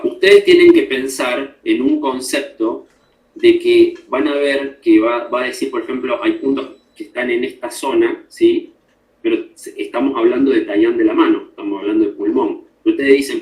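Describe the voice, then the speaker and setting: A man lecturing students in a classroom, working through each point patiently and pausing often to ask if they understand. His mid-range voice bounces around a roomy, echoey space. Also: medium pitch, darkish tone. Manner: explanatory, checks understanding with frequent tag questions. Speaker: instructor. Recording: echoey room.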